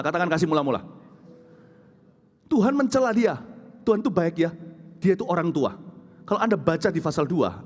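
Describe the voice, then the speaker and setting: A male pastor preaching a sermon in a large church, tossing in English phrases and swinging between loud and hushed delivery. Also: high-pitched. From Indonesia. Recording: church hall reverb, faint music.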